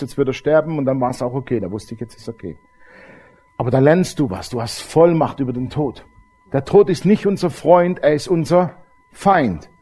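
A man's voice: fairly high pitch, darkish tone, husky. A middle-aged man, preaching a testimony sermon and telling his story straight to the congregation. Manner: storytelling, addresses the audience directly.

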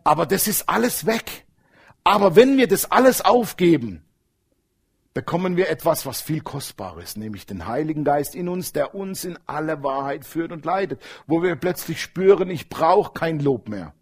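A male pastor preaching a lively, humorous sermon and acting out little dialogues. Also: a little high, normal speed, gravelly, breathy edge.

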